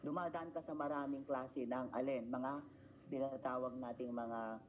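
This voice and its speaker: A man's voice: medium pitch, steady tone, normal speed, highs cut off, slight background noise. A man from the Philippines leading a product training seminar, asking listeners rhetorical tag questions and drilling points through repeated chant-like phrases.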